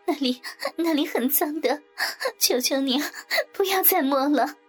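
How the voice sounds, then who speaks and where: A woman voicing an overwhelmed young married woman in an audio story, with breathless, strained, high cries. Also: measured pace, soft background music. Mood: pleading.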